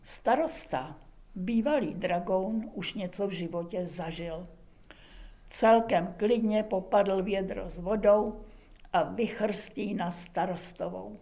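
A woman narrating a humorous folk tale in a lively, expressive reading with dramatic pauses. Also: medium pitch. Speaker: storyteller.

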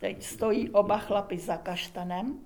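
A woman's voice: medium pitch, fairly even intonation, a little mellow. Woman reading a comic folk tale. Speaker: storyteller. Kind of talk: scripted narration of a humorous folk tale.

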